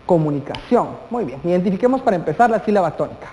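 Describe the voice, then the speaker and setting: A teacher leads a televised lesson, turning to the students with questions and drawing out the words that matter. The voice sits at a mid pitch. It rings with a long reverb, as if recorded in a large hall. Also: lively intonation, rapid-fire, a little mellow, a little hiss or hum. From Guatemala. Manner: addresses students directly, asks questions, stretches key words.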